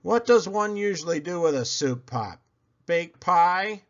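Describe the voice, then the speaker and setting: A man's voice: high-pitched, lively intonation, a little slow, muffled recording, voice pushed up. A man voicing a bad-tempered, sarcastic, snarling scruffy varmint from a children's storybook. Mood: irritated, snarling.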